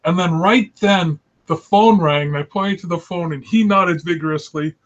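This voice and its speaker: A middle-aged man telling anecdotes on a video call, theatrical and quick, bursting into a showy one-breath phone greeting and laughing often. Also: high-pitched. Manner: animated anecdote teller who laughs often. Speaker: illustrator and show regular. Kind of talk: casual storytelling on a video call. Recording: slightly dull lo-fi call audio.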